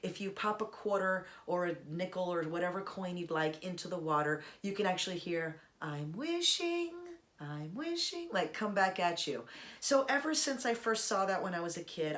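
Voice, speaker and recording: A young adult woman vlogger casually telling a personal story to camera in a chatty, rambling way with sarcastic asides. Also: mid-range voice. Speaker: Disney vlogger.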